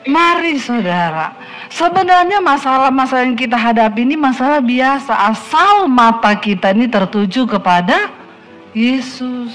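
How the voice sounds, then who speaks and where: A middle-aged woman pastor preaching a sermon, telling a story lively and with teasing asides. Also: high-pitched, normal speed, faint music behind.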